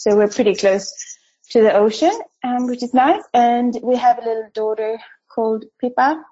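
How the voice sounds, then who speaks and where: A woman's voice: a little high, dark tone, lo-fi sound. A woman from Sweden, chatting casually as a podcast guest, laughing often and saying um a lot. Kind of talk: casual interview chat.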